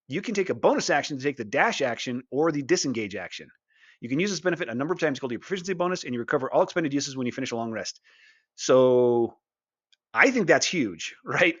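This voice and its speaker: Man, mid pitch, chatty rules explainer with fillers, slightly dull lo-fi audio. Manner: chatty, with frequent "uh" and tag questions. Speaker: tabletop game content host. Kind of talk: casual explainer of game rules.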